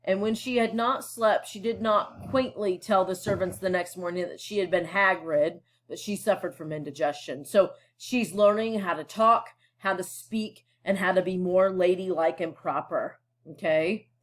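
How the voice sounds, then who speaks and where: A woman's voice: on the low side, normal speed, few pauses. A woman teacher reading a novel aloud and explaining it to students in a casual, conversational way, often checking in with them. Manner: casual and explanatory, with frequent fillers and check-ins.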